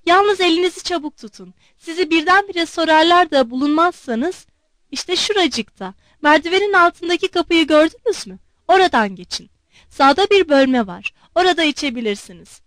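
A woman voicing a familiar, confiding male house servant in an audiobook, speaking in a hushed way. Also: very high-pitched, expressive, moderate pace, dry recording.

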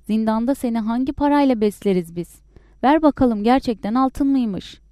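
A woman voicing a furious, sharp-tongued poor peasant wife who scolds loudly in a raised, shrill voice. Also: moderate pace, smooth, no room sound, clean studio sound, close to an everyday voice. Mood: scolding.

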